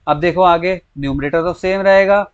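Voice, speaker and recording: A young man with a high voice walks through a maths lesson one step at a time, stopping to pose questions for the students. His voice sounds dry and a little dull, as if from a modest lo-fi mic. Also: smooth, no echo. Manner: slow step-by-step explaining, asks rhetorical questions. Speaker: maths teacher.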